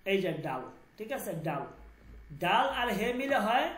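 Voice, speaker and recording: A man's voice: high-pitched, big pitch swings, normal speed, a bit bright, reverberant, a little hiss or hum. A man teaching a language class, repeating each sound and asking students to confirm.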